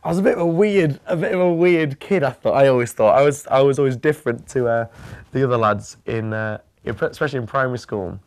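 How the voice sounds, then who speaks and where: A young man from northern England, rambling and hesitant as he recalls his childhood in an interview. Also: mid-range voice. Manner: rambling, hesitant, many fillers, bursts of quick talk. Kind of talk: reminiscing about childhood.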